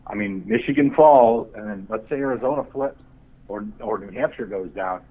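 A man calling in to a political chat show, speculating in a profane, animated way. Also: fairly low pitch, moderate pace. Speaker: caller. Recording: tinny phone line.

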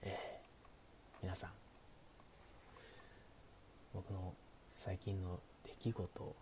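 A man streaming soft, sleepy bedtime talk, hushed and often slipping into a half-whisper. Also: low-pitched, completely flat delivery, drawn-out words. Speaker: streamer, show host. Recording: faint background hiss.

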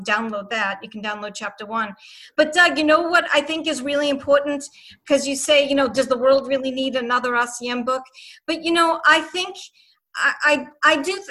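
Bubbly high-voiced Boston woman. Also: poor audio. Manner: bubbly, excitable. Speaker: guest, author and trainer. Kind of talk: casual panel chat.

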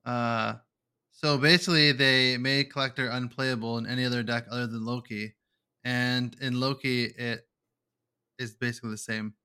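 Man, podcast co-host, casual gaming chat, laid-back, sharp bright tone. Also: medium pitch, fairly even intonation, moderate pace, smooth. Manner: laid-back, laughs often, drawls out quoted reactions.

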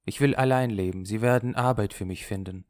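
A male reader voicing a restless, tearful young woman in an audiobook, raising his voice and pitch for her. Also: moderate pace, darkish tone, dry recording, studio quality, lightly acted. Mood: pleading. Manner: raised, emotional voice for a female character. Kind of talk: audiobook character voice.

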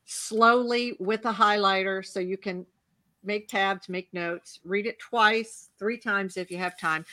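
A woman's voice: medium pitch, bright, forceful tone, no echo, clean studio sound. A woman speaking as a panel guest, explaining with strong emphasis and urging listeners to act. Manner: emphatic, lecturing, urges action. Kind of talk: panel discussion.

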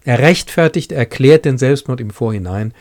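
A man's voice: medium pitch, animated, moderate pace, a little mellow. A man lecturing on literature, reading a classic text aloud and breaking off for enthusiastic, conversational asides.

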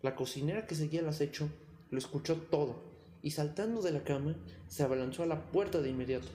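Guy reading a kids fairy tale, kinda high voice, echo trailing off like a big hall. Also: fast, dark tone, a little hiss or hum. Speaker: storyteller. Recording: long hall reverb.

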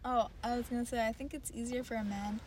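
A woman's voice: fairly high pitch, steady tone, fast, background noise. A young woman co-hosting a podcast, thinking aloud in casual chat, hedging with lots of "like" and "you know". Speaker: podcast co-host.

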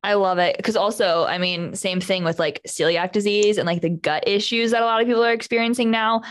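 A young woman hosting a podcast, chatting casually and animatedly, speeding up in excited bursts. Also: medium pitch. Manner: animated, talks fast in bursts. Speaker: podcast host. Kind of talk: casual chat.

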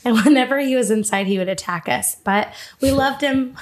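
A woman's voice: on the high side, moderate pace. Chatty young woman podcast host. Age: 20s. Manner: chatty and self-deprecating, laughs often. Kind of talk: casual podcast chat.

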